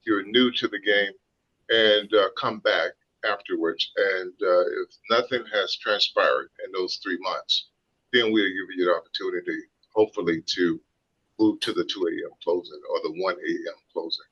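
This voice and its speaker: A man's voice: moderate pace, bright, forceful tone, husky. A man speaking informally as a commissioner at a public meeting, giving conversational advice with some hesitation. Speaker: license commissioner. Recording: muffled low-fidelity meeting audio.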